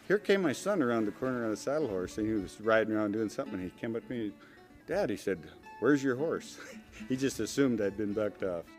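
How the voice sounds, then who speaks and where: A man's voice: lowish voice, expressive, fast, soft background music. A middle-aged man telling a casual, humorous rancher's anecdote in a folksy, self-deprecating way. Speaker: rancher telling a personal story.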